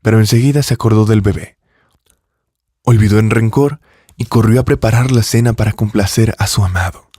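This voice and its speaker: A man narrating a scripted drama story with a steady, even reading. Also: on the low side, a little fast, slightly rough, no room sound, studio quality.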